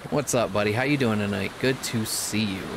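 Man, streamer host, joking banter, lowish voice, noisy mix with ocean game sounds. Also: fairly quick, gravelly. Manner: joking, greets chat viewers. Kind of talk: casual gaming stream chat.

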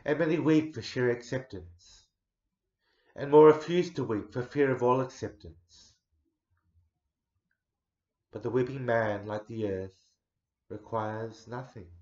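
A man in his forties giving a dramatic poetry recital, measured, swelling loud and sinking to a near hush. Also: mid-range voice. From Australia. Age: 40s. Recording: roomy echo, dull lo-fi sound.

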